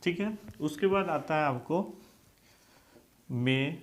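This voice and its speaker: A man's voice: fairly high pitch, expressive, slow. A male English grammar teacher with a Hindi accent, giving a classroom-style lesson and repeatedly asking questions so students answer aloud.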